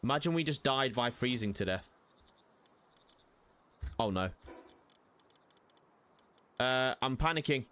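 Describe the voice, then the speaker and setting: A man's voice: mid-range voice, slow, long pauses. Chatty young man streaming a game. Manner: chatty, jumps into excited panicky yelps. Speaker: gaming streamer. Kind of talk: casual gameplay commentary.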